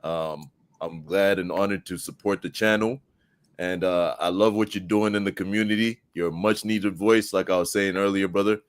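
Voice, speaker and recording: Deep-voiced man from Zambia. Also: moderate pace, no room sound. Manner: relaxed, many fillers and restarts. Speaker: guest debater. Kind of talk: casual live-stream chat.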